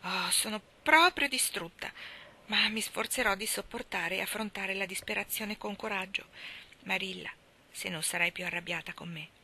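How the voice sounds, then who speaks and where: A woman's voice: medium pitch, normal speed, pushed and bright. A woman voicing a talkative, imaginative orphan girl who speaks effusively and theatrically. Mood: eager.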